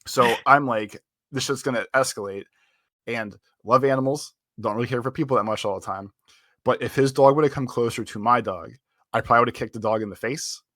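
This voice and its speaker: A man's voice: mid-range voice, brisk, fairly bright tone, dry recording, clean studio sound. A man co-hosting a podcast, telling a long story in casual chat, full of "like" fillers and rambling. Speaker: podcast co-host.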